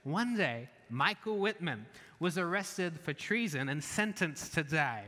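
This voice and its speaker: Man, pastor, sermon, earnest, fairly high voice, long church reverb. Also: expressive, a little slow. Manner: earnest preaching, softening into quiet prayer. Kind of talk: sermon and closing prayer. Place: church sanctuary.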